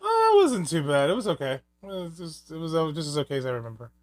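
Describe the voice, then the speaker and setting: Male film commentator: fairly high voice, casual, rambling, joking, music underneath. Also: very animated, fast talker. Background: film soundtrack music.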